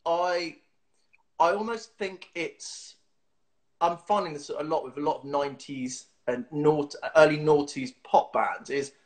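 The host, a man in his thirties, runs a casual video-call interview from a small room at home, heard through his webcam. His voice is a little high and his pace a little slow. He's chatty and giggly, with lots of fillers and restarts.

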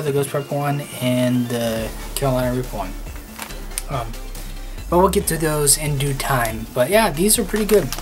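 A man in his twenties talks casually to camera like a snack review vlogger. He is recorded at desk distance in a small indoor room. Music plays clearly behind him. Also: on the high side. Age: 20s.

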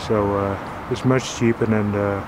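A man explaining his boat's solar panels in a casual, halting way, with many fillers. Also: lowish voice, fairly even intonation, noisy background. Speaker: sailing vlogger.

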